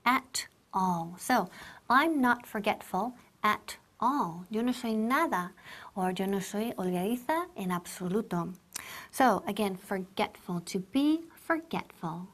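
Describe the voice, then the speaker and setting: Slow-spoken woman teaching English. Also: medium pitch, expressive, fairly bright tone. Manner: slow, repeats words for learners to copy. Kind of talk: bilingual English lesson for Spanish speakers.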